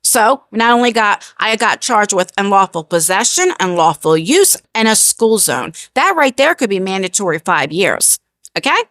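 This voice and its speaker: A woman's voice: mid-range voice, sing-song, normal speed, fairly bright tone, dry recording, studio quality. An American woman telling a personal story as a casual storytime vlogger, chatty and emphatic, repeating phrases and checking in with the listener.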